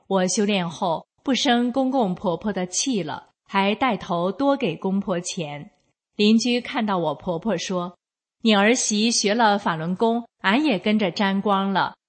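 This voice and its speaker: A woman reads a first-person account aloud from a script. She keeps an unhurried, deliberate pace, and her voice sits at a middle pitch for a woman. Her delivery stays even and measured throughout.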